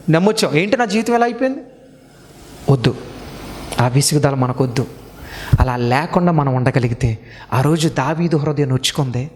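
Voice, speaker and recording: A man's voice: a little mellow, long reverb tail. A man preaching a sermon with passion, building to urgent appeals to the congregation and viewers. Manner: impassioned, rising to urgent high-pitched appeals.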